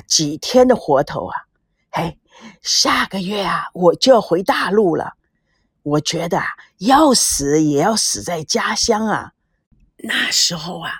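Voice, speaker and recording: A woman voicing an old male war veteran who longs to be buried in his homeland, pleading slowly. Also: medium pitch, breathy edge, no echo, clean studio sound, heavily acted. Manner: slow, pleading, drawn-out sentence endings.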